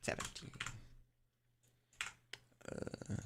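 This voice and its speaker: There's background noise as a man speaks very slowly while hosting an informal livestream, cursing at times and wandering from work into chat. He's a voice mod editor, with music playing and keys clicking behind him.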